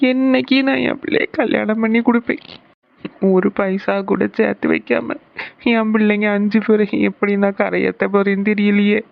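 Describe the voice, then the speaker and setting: A woman's voice: medium pitch, flat delivery, moderate pace, vocal fry, no echo, natural voice. Woman voicing a weeping cartoon father, lo-fi. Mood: grieving. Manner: sobbing lament. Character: grieving poor father of five daughters. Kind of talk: cartoon family serial voice acting.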